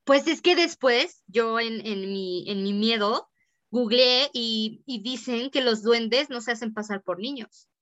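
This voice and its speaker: A woman's voice: a little high, lo-fi sound. A young woman with a Mexican accent, chatting casually and telling a story, acting out what people said. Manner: lively storyteller acting out quoted speech.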